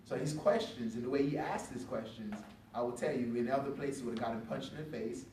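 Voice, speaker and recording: A man's voice: medium pitch, fairly quick, slight background noise. Man telling a story on a panel. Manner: conversational, animated when quoting others. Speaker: veteran panelist. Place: event hall. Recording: echoey room from a distance.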